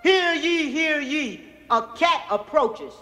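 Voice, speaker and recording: An actor playing a pompous royal herald in a fairy-tale drama, crying out formal bailiff-like announcements. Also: male voice, very high-pitched, expressive, slow pace, sharp tone, full character voice. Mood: proclaiming. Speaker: court herald. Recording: hall reverb, music behind.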